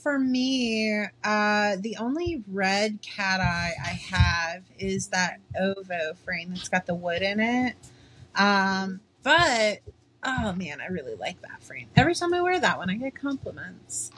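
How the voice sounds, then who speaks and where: A woman's voice: medium pitch, lively intonation, a little slow, a bit bright. A woman co-hosting a casual podcast chat about eyewear, chatty and emphatic, laughing easily. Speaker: podcast co-host, eyewear professional.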